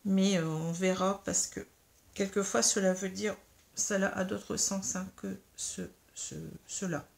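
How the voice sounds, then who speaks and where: A woman tarot reader guiding viewers through a card reading in a soft, calm, instructive way, hesitating often with fillers and restarts. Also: mid-range voice, unhurried, creaky.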